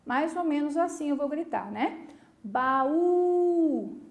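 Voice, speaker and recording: A woman's voice: sits high, expressive, moderate pace, vocal fry, darkish tone, reverberant. A woman teacher giving a recorded video lesson in a patient, encouraging way, often checking that students follow. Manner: patient, encouraging, asks the class many check questions.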